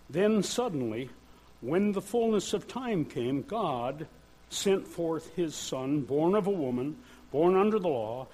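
Slow, lively-pitched older man preaching. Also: slightly rough, low-quality recording. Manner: measured, earnest preaching with pauses. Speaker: church speaker. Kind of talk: sermon. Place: church.

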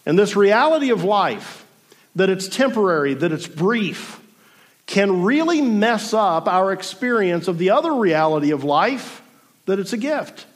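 A man in his forties delivers a reflective sermon in a notably high voice. He speaks to a congregation in a room and mixes in dry, self-deprecating humor. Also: very animated, a little slow. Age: 40s. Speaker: pastor.

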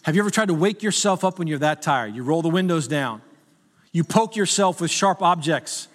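A man's voice: fairly high pitch, expressive, normal speed, in a large hall. A middle-aged male pastor preaching a sermon in a conversational, humorous way that rises to urgent appeals.

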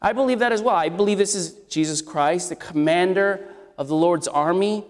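A man gives an expository sermon at a moderate pace in a high, scratchy voice. He talks conversationally and asks his listeners questions, and the recording has long hall reverb.

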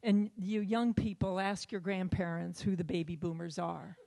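A woman in her seventies giving an earnest church testimony, halting and often repeating her words. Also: fairly low pitch, steady tone, creaky, mellow. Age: 70s.

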